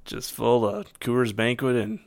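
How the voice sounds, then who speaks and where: A young man in his twenties hosting a casual podcast. He is jokey and laughs often, and he trails off with ums. His pitch sits in the middle for a man. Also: fairly even intonation, a little slow, a little hiss or hum. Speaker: podcast host. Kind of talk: casual chat.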